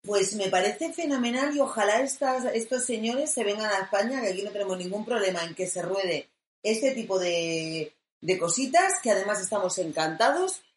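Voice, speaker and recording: A woman's voice: medium pitch, lively intonation, moderate pace, echoey room. A woman co-hosting a casual chat, opinionated and teasing as she talks. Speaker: co-host. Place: small room at home.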